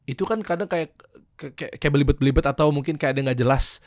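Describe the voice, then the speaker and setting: A man in his thirties with a slightly high voice hosts an informal chat. He asks casual questions, feels around for his words and repeats short acknowledgements. The sound is close and dry. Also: fast talker, a little mellow, dry recording. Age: 30s. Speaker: podcast host.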